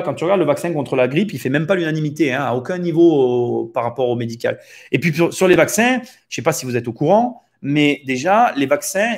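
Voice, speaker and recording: A man hosting a real estate podcast, speaking in a casual, opinionated monologue with rhetorical questions and frequent hesitations. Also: fairly high pitch. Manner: hesitant, many fillers and restarts, rhetorical questions.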